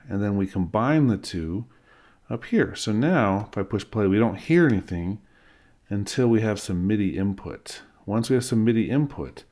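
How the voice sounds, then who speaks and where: A middle-aged man teaches music software in an informal screen-recorded tutorial, explaining things step by step. His voice is lowish with a darkish tone.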